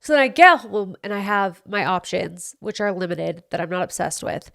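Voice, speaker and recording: A young woman hosts a casual solo podcast through a studio mic, candidly and playfully describing her week. Her medium-pitched voice is fairly bright and creaky with lively intonation, moving at a normal speed and sounding a little congested.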